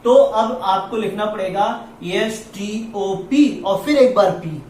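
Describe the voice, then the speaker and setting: A man teaching at a slow, deliberate pace, spelling out words one letter at a time. His voice sounds echoey and distant, recorded from across a classroom, with faint room ambience behind him. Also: high voice, a little mellow, a little hiss or hum. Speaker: English teacher. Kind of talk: classroom lesson.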